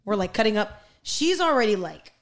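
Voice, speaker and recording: Very animated and speaking at normal speed in a mid-range voice, this female podcast co-host chats casually and tells stories. She curses a lot and jumps between English and Spanish in the middle of sentences.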